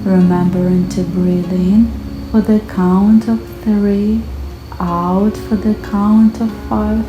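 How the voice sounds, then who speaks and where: A woman guiding hypnosis in a slow, calm, soothing hypnotist voice, with long pauses between short phrases. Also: medium pitch. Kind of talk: slow guided hypnosis narration. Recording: echoey voice over background music. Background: music.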